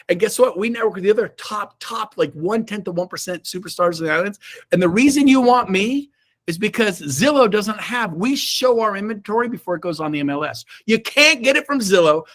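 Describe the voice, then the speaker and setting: Over a video call from his own room indoors on Zoom, a middle-aged man gives his real estate team a fired-up motivational talk. He speaks emphatically, moving from shouts down to low asides.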